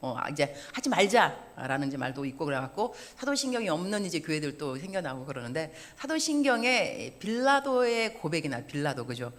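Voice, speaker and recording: 50대 여성 선교사가 교회 예배에서 농담을 섞어 가며 유쾌하게 설교한다. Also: female voice, deep voice, a little fast, hardly any pauses. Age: 50s. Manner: lively, joking and self-mocking. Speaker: missionary preacher. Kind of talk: sermon. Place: church service.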